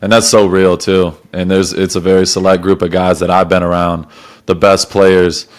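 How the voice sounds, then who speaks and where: A young man hosting a casual podcast chat, animated, laughing often and swearing freely. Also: low-pitched, moderate pace. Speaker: podcast host and football player.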